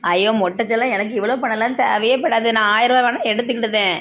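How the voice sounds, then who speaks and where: A woman's voice: on the high side, fairly even intonation, fast talker, fairly bright tone, faint music behind. A woman voicing a humble young village woman in a comic cartoon, with a Tirunelveli Tamil accent and a modest, pleading way of talking. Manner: modest, pleading, and snappy when pressed.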